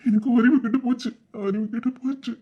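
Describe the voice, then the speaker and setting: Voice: medium pitch, steady tone, fast, slightly rough, muffled recording, lightly acted. A performer voicing a young man who is crying, pleading and blaming himself, in an audio drama. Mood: remorseful sobbing. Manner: sobbing, pleading, self-reproaching. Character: young man grieving and begging forgiveness. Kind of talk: Tamil audio drama acting.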